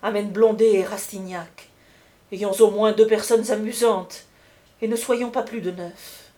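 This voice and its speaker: A woman's voice: medium pitch, fairly even intonation, a little slow, mellow, close to an everyday voice. A woman voicing a tender, scheming young courtesan in an audiobook reading, in a coaxing, intimate way.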